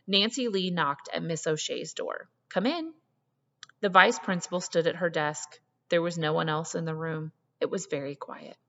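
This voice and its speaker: Lowish woman storyteller in reverberant space. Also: a bit bright. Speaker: story reader. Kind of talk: expressive literary narration. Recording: muffled, long hall reverb.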